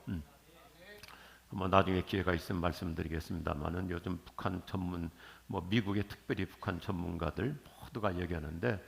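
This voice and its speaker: An older man preaching a sermon in a church, lively and jokey with sudden loud bursts. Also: low-pitched, gravelly. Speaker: pastor. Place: church sanctuary.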